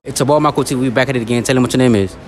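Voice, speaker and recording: A man's voice: medium pitch, very fast, over music. A young man hosting a slangy street interview in a shopping mall, asking passers-by questions. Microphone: handheld mic.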